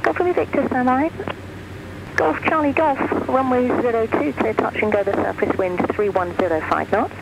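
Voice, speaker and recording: A woman's voice: fairly high pitch, normal speed, creaky. A woman working as an air traffic controller, giving formal radio instructions heard over a pilot headset.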